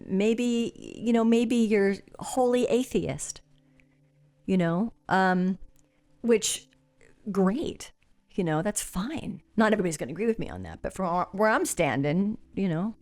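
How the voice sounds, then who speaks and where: A woman's voice: on the low side, darkish tone. A woman hosting her own podcast, talking alone in a blunt, angry and profane way, with many fillers. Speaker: podcast host. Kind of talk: casual solo commentary.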